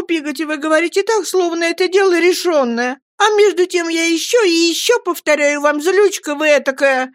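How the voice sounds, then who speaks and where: A woman voicing a young widowed mother who is tearful and excitable, speaking in a shrill, pleading way in an audiobook. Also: no room sound, clean studio sound. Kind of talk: audiobook character voice.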